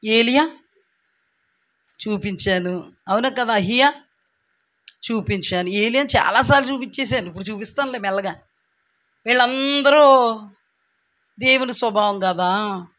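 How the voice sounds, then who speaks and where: A man's voice: high voice, a little slow, pauses often, bright, forceful tone. A male pastor preaching a sermon, firing rhetorical questions at the congregation and repeating phrases for emphasis.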